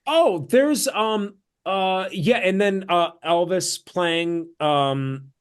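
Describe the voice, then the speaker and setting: A man's voice: high voice, extremely slow, smooth. An American man, an actor, chatting casually about films over a video call, rambling with lots of fillers and restarts. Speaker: actor and guest. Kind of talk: casual film discussion.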